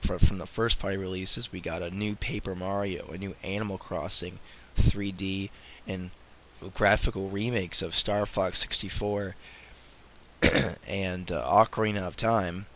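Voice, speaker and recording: A man with a cold, hosting a gaming show and rambling casually in voice-over, often repeating words and clearing his throat. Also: low-pitched, a bit bright, slight background noise. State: sick, congested. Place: off camera, voice-over.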